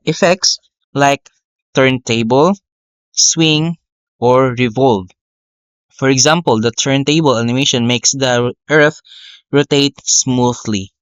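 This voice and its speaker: Man giving a plodding software tutorial. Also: mid-range voice, no room sound. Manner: step-by-step, frequent "okay" and "uh" fillers, self-corrections. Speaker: teacher. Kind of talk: screen-recorded software tutorial. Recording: dry, dull lo-fi mic.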